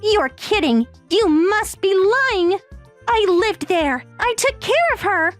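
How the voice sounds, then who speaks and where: A woman voicing a panicked, entitled young wife in a dramatized text story, pleading and shrill. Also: lively intonation, slow pace, faint music behind, exaggerated voice. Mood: desperate.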